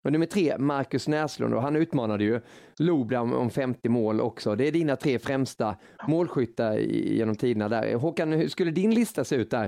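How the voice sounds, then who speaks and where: A man's voice: medium pitch, creaky, warm tone, no room sound, clean studio sound. A man hosting a sports talk in a conversational way, setting up questions for his panel. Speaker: host.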